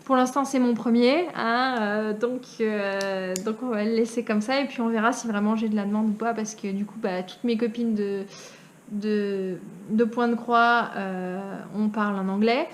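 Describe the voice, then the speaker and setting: A woman's voice: a little high, fairly even intonation, moderate pace, a little hiss or hum. A young Frenchwoman from France chatting casually as a knitting vlogger, with many hesitations and frequent laughs. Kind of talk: casual chat.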